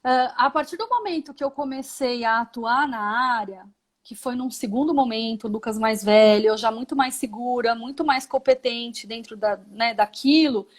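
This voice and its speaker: A woman's voice: on the high side, normal speed. A Brazilian woman, a physiotherapist and mother, explaining her path in a live interview, reflective, with many tag questions. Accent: Brazilian Portuguese.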